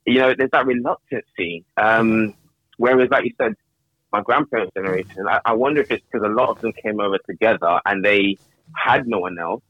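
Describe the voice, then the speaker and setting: A man's voice: lowish voice, a little fast, no room sound, muffled recording. A young man chatting as a guest on a podcast, reflective and hesitant, often repeating words as he thinks. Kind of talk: casual podcast conversation.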